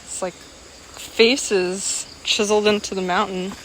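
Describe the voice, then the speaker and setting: With a mid-range, slightly bright voice, a woman speaks slowly and steadily as she chats casually on a trail for her vlog. She rambles, filling her talk with "like," over noisy outdoor audio full of insects and nature sounds.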